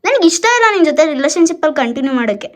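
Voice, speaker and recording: A young woman vlogger, talking fast and insistently as she argues with her partner on camera. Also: high-pitched, sing-song. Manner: insistent, rapid, emphatic. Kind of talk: couple prank vlog argument.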